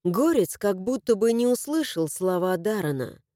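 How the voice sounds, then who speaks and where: A woman narrating a fantasy novel in the first person, expressive and emotional. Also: medium pitch, normal speed, no room sound, clean studio sound. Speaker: audiobook narrator.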